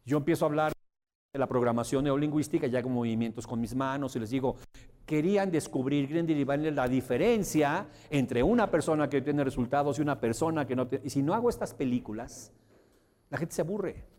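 A man giving a lively seminar talk to an audience, swinging his pitch for effect and asking the room questions. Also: a little fast. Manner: lively, theatrical pitch swings, demonstrating voice inflection. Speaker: communication trainer. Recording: long reverb of a hall.

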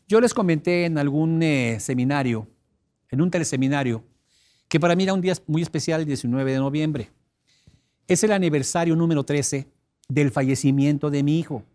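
Middle-aged guy doing a teleseminar talk, pretty high voice, emphatic, breaks into loud cries to make a point. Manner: expressive, emphatic, with sudden loud cries to show emotion. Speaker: personal development teleseminar speaker.

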